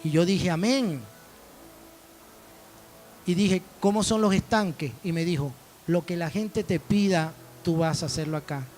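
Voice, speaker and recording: Pastor guy preaching, high voice, acts out the dialogue, bit of background hiss. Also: a little slow, long pauses, darkish tone. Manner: storytelling preacher, quoting dialogue. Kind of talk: sermon.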